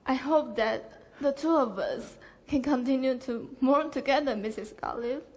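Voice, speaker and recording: A woman's voice: high-pitched, unhurried. A woman student actor playing a lonely widow, drawing out her words mournfully on stage. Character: lonely clinging young widow. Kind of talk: live student theater acting. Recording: echoey stage hall from far off.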